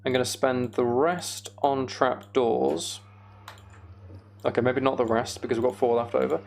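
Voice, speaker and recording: This man's mid-range voice is a little mellow with vocal fry, fairly even in intonation, and measured in pace. While streaming a game, he chats casually and mutters to himself, thinking aloud to work things out.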